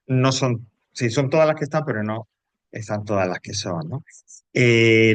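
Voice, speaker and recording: Low-voiced Spanish teacher, dry sound. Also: male voice, no room sound. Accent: Peninsular Spanish. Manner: hesitant, frequent fillers and tag questions. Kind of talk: recorded grammar lesson.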